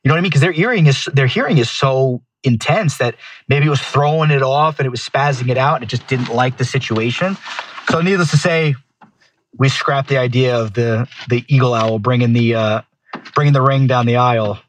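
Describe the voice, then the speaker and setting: A man's voice: medium pitch, fairly quick, a little hiss or hum, rough recording. A man chatting casually and telling stories in a slangy way, full of dude and bro. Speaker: guest falconer telling stories. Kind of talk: casual chat, animated storytelling.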